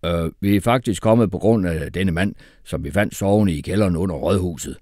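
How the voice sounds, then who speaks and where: A man's voice: low-pitched, dark tone, no echo, clean studio sound, voice pushed down. A man voicing a matter-of-fact male police officer explaining things. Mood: officious.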